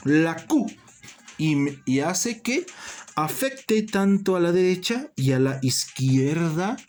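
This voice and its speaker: In a recorded language lesson, a teacher with a mid-range, slightly mellow voice speaks deliberately, repeating key terms and addressing listeners as brothers and colleagues.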